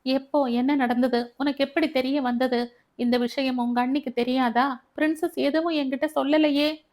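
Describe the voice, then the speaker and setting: A woman's voice: high voice, fairly even intonation, normal speed, a little mellow, voice pushed up, lightly acted. Woman doing a protective older brother. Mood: shocked. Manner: soothing, then shocked.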